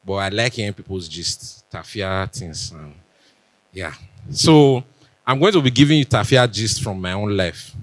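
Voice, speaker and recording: On a conference stage, a young Benin-accented Nigerian speaker keeps his talk chatty, cracking jokes and dropping pidgin asides. His voice, on the low side, is expressive and measured in pace, captured dry.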